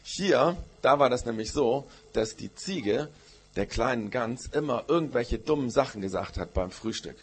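A man's voice: medium pitch, lively intonation, moderate pace, breathy edge. A man, a pastor telling a Bible story to children in church, with many questions to them. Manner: storytelling to children, asks questions, uses "gell".

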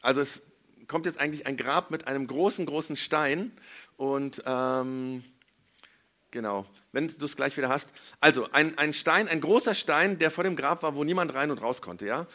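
Lively man telling Bible stories to kids. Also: fairly high pitch, normal speed. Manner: lively, acts out quotes with big swings in loudness. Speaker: children's church leader.

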